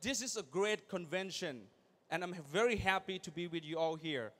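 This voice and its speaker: A young man from Thailand, giving an energetic motivational speech at a large convention and firing questions at the crowd. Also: sits high, normal speed. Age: young adult. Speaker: convention speaker.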